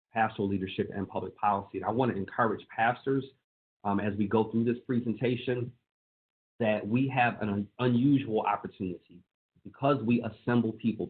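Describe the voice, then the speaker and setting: Brief: lower-voiced man, pastor and lawmaker, earnest, repeats key phrases, presenting to pastors over thin phone-line call audio. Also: slight background noise. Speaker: pastor and state legislator.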